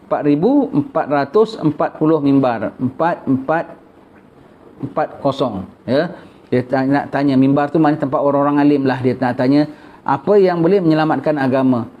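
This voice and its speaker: A man with a Malaysian Malay accent gives a kitab study lecture, reading a religious text and explaining it in a chatty, repetitive way, often tagging "ya." His voice is fairly high at normal speed, and the recording sounds muffled.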